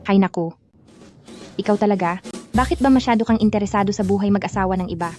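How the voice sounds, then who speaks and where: A woman's voice: medium pitch, quick pace, a little mellow, faint music behind, lightly acted. A woman dubbing a cheerful, unbothered young bride who talks in a breezy, teasing way. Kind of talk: Filipino dub of a drama.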